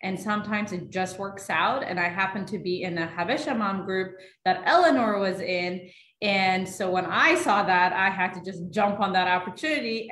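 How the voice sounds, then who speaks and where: A woman's voice: mid-range voice, a bit bright, roomy sound, slight background noise. A young woman, a stay-at-home mom and volunteer, introducing herself in an upbeat, chatty way on a video call.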